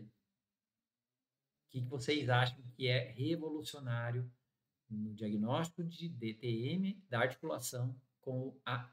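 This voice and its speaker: A man, an orthodontist, giving a live lecture to an audience, lively and talking straight to the listeners, acting out bits of patient dialogue. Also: medium pitch. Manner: animated, acts out patient dialogue, addresses audience as "gente". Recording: echoey room.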